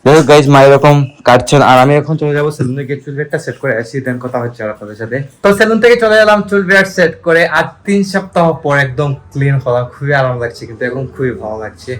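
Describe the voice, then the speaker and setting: A man narrating a casual family vlog, chatty and often speaking softly to the viewers. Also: mid-range voice, expressive, fast, hardly any pauses, poor audio. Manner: chatty, addresses viewers as guys, drops to a hush to keep a surprise. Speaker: vlogger.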